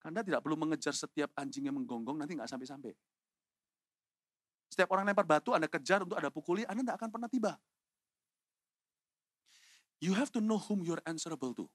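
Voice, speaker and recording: A man preaching a sermon as pastor, animated and dramatic, acting out quoted characters in high, loud voices. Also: fast talker, pauses often, no echo, clean studio sound. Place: church stage.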